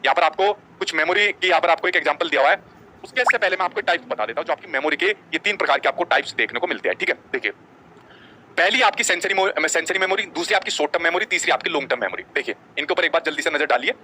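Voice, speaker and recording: A man gives a live online exam-prep lecture at a very rapid clip. His voice is bright and forceful and sits a little high. He quizzes the class with questions and answers them himself, checking in with "ठीक है?" again and again. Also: lively intonation, slight background noise, poor audio. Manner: adds "ठीक है?" after nearly every point.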